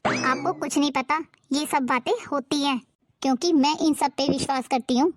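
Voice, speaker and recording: A woman's voice: high voice, fairly even intonation, moderate pace, no echo, studio quality, natural voice. A woman playing a harsh, superstitious middle-aged mother-in-law who scolds in a bossy way, in a homemade moral-story drama. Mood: accusing. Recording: music clearly behind the voice.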